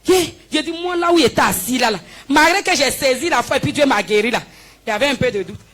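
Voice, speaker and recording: A woman giving a spoken healing testimony in church, telling her story with lively, acted-out dialogue. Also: high voice, fast talker. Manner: animated storytelling, acting out dialogue with the pastor. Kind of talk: spoken testimony before a congregation.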